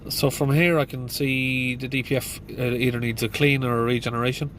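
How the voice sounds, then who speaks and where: Speaking briskly with a fairly bright tone, a middle-aged mechanic thinks aloud in a van, his mid-range voice showing little pitch movement and congestion from hay fever. He talks plainly with fillers, casually walking through a diagnosis. Slight background noise is present.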